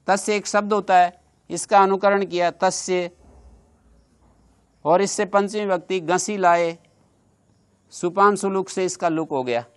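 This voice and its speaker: A man's voice: high voice, steady tone, measured pace, pauses often, smooth. A man teaching a grammar class, explaining step by step and stopping to check with his listeners by asking them questions. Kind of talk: classroom lecture.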